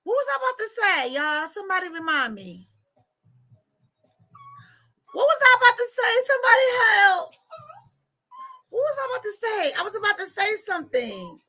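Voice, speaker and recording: A woman, hosting a casual livestream as a life coach, chatty and animated with frequent laughter. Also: very high-pitched, normal speed, long pauses. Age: 40s. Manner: animated, laughing, chatty, reads comments aloud.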